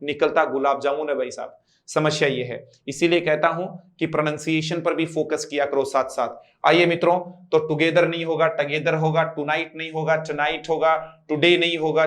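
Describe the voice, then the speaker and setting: A male English teacher with a Hindi accent gives a coaching-class lecture. His voice sits fairly high and stays level, with little rise and fall. He explains step by step, asks the class questions and draws out key terms slowly. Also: little pitch movement. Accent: Hindi-influenced English.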